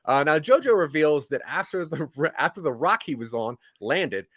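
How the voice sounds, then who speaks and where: A man's voice: on the high side, lively intonation, moderate pace, a bit bright, no echo. A man co-hosting a podcast, casually recapping a TV season as a story and chuckling between lines. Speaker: podcast co-host summarizing the episode.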